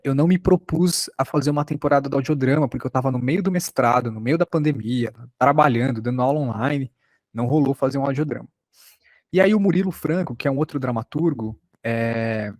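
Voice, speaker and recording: In a dry recording, a medium-pitched man with a Brazilian accent gives an informal online podcast workshop lecture. A teacher and podcast maker, he explains things in a conversational way.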